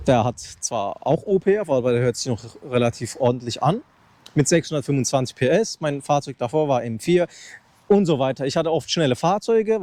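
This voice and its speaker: Outdoors beside a loud motorcycle, a vlogger in his thirties rambles casually in an unscripted vlog, restarting his sentences, with a handheld mic held close to his mouth. His voice is a little high and mellow.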